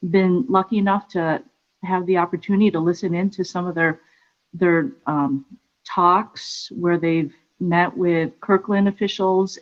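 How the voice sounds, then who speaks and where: Slow, hesitant woman on a call. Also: lowish voice. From Philippines, raised in Michigan. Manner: hesitant, many pauses and fillers. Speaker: public commenter. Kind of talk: public comment at council meeting. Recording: dull lo-fi remote audio.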